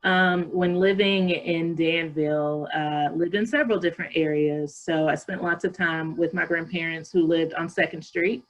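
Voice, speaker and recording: A woman from Kentucky introducing herself over a video call in a brisk manner. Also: low-pitched, fairly even intonation. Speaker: panel participant. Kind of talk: personal introduction in a group conversation. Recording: muffled video call audio.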